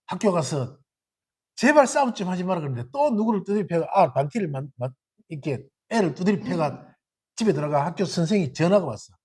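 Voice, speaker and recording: Man, Gyeongsang accent, Buddhist sermon, husky voice, pitch swinging up and down. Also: brisk. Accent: Gyeongsang Korean. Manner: lively, asks the audience rhetorical questions. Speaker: Buddhist dharma teacher. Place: temple dharma hall.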